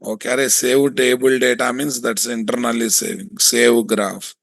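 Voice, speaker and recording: Indian man teaching, bright Telugu-accented voice. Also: mid-range voice, level tone, moderate pace, gravelly, no echo, studio quality. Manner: repetitive, often addressing students with questions. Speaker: software testing instructor. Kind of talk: hands-on screen-share tutorial, thinking aloud.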